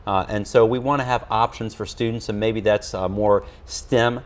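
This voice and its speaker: A man's voice: fairly low pitch, steady tone, normal speed. A man who leads a school district, answering in an earnest studio interview with many fillers and restarts.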